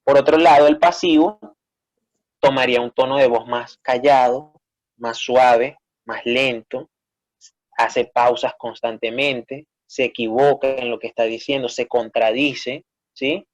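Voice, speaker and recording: Male teacher, Peruvian accent, patient explanatory delivery, even middle voice. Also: mid-range voice, unhurried. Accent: Peruvian Spanish. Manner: explanatory, frequent checking "¿sí?". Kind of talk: online class instruction.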